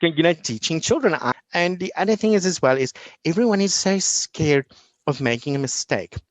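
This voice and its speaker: A man's voice: fairly high pitch, moderate pace, dry recording. A man, an online English teacher, chatting as an interview guest and acting out classroom exchanges with lots of energy. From South Africa. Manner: energetic, animated storyteller acting out classroom dialogue. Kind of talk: casual interview chat.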